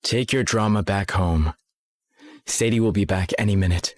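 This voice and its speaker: A man acting a cool, resolute young man in a dubbed short drama, speaking in a measured, firm way as he spurns old friends. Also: lowish voice, no room sound, studio quality, close to an everyday voice. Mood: cold rejection. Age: young adult.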